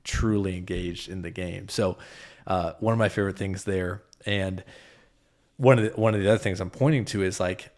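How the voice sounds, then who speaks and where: A man's voice: sits low, fairly even intonation, moderate pace, a little mellow. A man who coaches basketball, talking earnestly in a casual podcast conversation and often correcting himself mid-thought.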